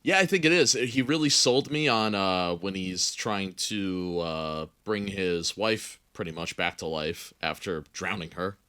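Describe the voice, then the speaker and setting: A man co-hosting a casual movie review podcast, relaxed and joking, laughing often. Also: low voice, unhurried, few pauses, clear, resonant tone. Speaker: podcast co-host.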